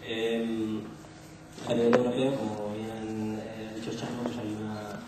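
A man in his forties with a Spain accent and a hoarse voice speaks hesitantly in a panel discussion. He is picked up at a distance in a hall full of echo, with clear background noise. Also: lowish voice, flat delivery. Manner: halting, hesitant delivery. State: hoarse, under the weather. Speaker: industry association panelist. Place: conference stage, large indoor hall. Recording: echoey hall, distant mic, noisy.

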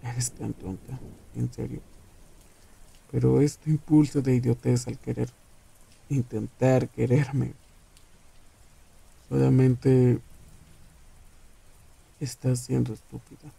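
A man playing a menacing, possessive serial killer lover in an ASMR roleplay, taunting and condescending in a drawn-out way. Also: mid-range voice, little pitch movement, gravelly, mellow, breathy edge, exaggerated voice, poor audio. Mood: scornful.

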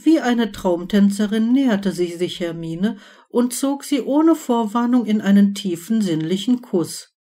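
Frau, die ruhig und warm Fan-Fiction vorliest. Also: female voice, mid-range voice, measured pace. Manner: even, storytelling narration. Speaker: audiobook reader.

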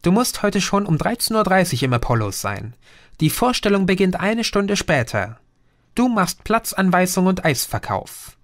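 A man voicing a brisk mother rattling off instructions in a storybook. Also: high-pitched, big pitch swings, no room sound, studio quality, voice pushed up. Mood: bossy. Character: brisk mother, busy organizer.

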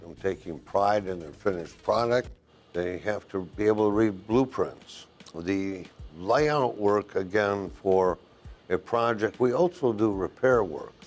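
A very low-voiced man in his sixties speaks as a welding instructor, listing points slowly with pauses. He is recorded on a lapel mic in a classroom. Soft guitar music plays faintly beneath him. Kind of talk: interview answers to a program video. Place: classroom, indoors.

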